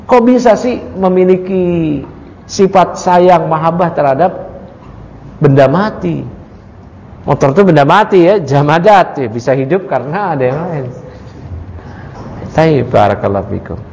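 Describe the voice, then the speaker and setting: A man's voice: on the high side, animated, a little slow, pauses often, a little mellow, a little hiss or hum. A man teaching a study-circle lesson on a creed text, reading Arabic lines and explaining them in casual, joking chat while quizzing his audience. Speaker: Islamic religious teacher. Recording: long hall reverb.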